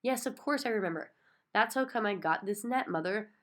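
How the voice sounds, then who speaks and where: A woman voicing an excitable, bossy little girl who talks eagerly and repeats herself. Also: mid-range voice, a little fast, voice pushed up, lightly acted. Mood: excited.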